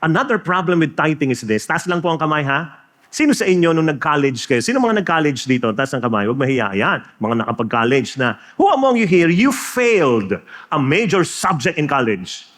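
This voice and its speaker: A man's voice: a little high, moderate pace. A man with a Filipino accent preaching a sermon in Tagalog and English, joking and quizzing his audience. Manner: animated, jokey, asks the crowd questions. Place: church or hall before a live audience.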